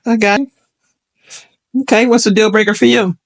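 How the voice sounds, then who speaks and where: A woman with a Detroit accent hosting a dating show, asking quick casual questions and laughing often. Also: mid-range voice, steady tone. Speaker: game show host.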